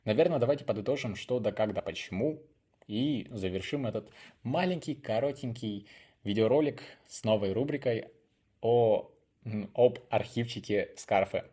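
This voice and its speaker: Speaking at normal speed in a low, mellow, husky voice, a young video blogger tells his viewers personal stories. The talk is casual and unscripted, chatty and meandering as he thinks aloud on his channel.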